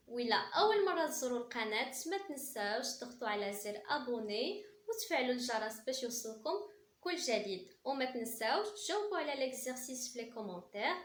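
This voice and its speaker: A Moroccan woman teaching French to beginners, repeating each phrase slowly and emphatically, then adding quick asides. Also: high voice, fairly bright tone, roomy sound, slight background noise. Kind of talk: language lesson for beginners.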